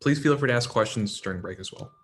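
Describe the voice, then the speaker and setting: A man's voice: fairly low pitch, lively intonation, quick pace, husky. Casual man lecturing a class. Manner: casual, quizzes students by name, frequent "right?" and "okay?". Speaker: anatomy instructor.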